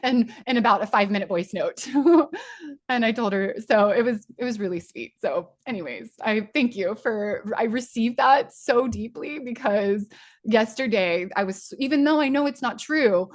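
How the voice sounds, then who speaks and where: A woman leading an online spiritual workshop, talking in a chatty, excitable way with many restarts, over a video call. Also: a little high, moderate pace. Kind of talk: informal spiritual teaching talk.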